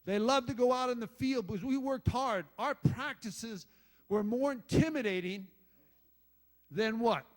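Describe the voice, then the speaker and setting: Older man, high-ish voice, profane, blunt former coach telling war stories at a dinner. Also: measured pace. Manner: blunt, salty storyteller, swears and jokes with the crowd. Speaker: former football head coach giving induction speech. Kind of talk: rambling after-dinner speech with stories.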